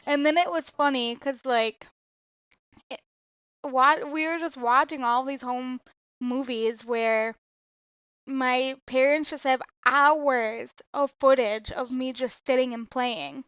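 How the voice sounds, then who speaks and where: A woman's voice: high-pitched, fairly even intonation, slow pace, a bit bright, clean tone, no room sound. A young woman co-hosting a podcast, telling family stories in a chatty way and acting out the voices of her relatives. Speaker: podcast co-host. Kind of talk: casual chat. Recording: dull, dry lo-fi sound.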